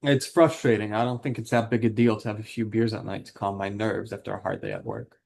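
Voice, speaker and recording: A man's voice: on the low side, lively intonation, fast, creaky, a little mellow. A man playing a defensive husband in a counselling role-play, talking in a plain, matter-of-fact way. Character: frustrated, defensive husband who drinks, admits anger issues.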